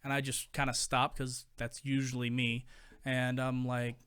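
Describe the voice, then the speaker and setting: A young adult man hosting a live stream, telling anecdotes in a rambling, chatty way full of ums and uhs. His voice is smooth and resonant, and its pitch sits at a middling level for a man. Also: monotone, unhurried, fairly bright tone. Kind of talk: casual storytelling to a live chat.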